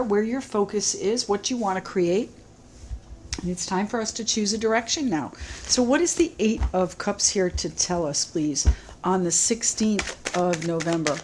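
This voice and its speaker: A woman giving a solo tarot reading to camera, musing gently and repeating her phrases, a little choked up. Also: mid-range voice, a little hiss or hum, low-quality recording. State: slightly choked up, clearing throat. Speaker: tarot reader.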